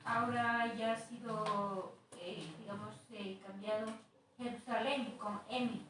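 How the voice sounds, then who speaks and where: A woman in the group talks slowly and with hesitation. She sounds distant in a very echoey space. Steady background noise sits under her voice. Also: mid-range voice. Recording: echoey room from far off with noise.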